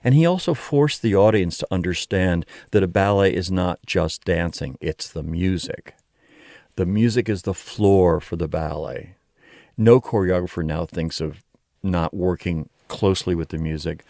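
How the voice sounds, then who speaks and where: A man with a deep voice, some vocal fry and a slightly mellow quality speaks reflectively as an interview guest. He is a ballet artistic director and choreographer, explaining things with emphatic wording. The recording is dry and of studio quality.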